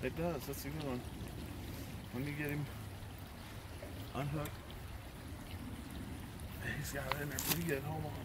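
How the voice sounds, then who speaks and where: In a flat delivery and a slightly high voice, a middle-aged Texan fishing vlogger narrates casually and gives tips while fishing outdoors. The handheld phone picks up loud rushing water from the rocky creek beside him.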